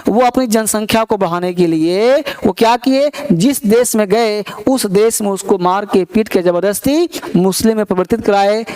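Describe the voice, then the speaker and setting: Male English tutor, clear high voice, repeats and quizzes constantly. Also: darkish tone. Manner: repeats words and quizzes students, drills pronunciation. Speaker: English teacher. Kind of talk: classroom grammar lesson in Hindi.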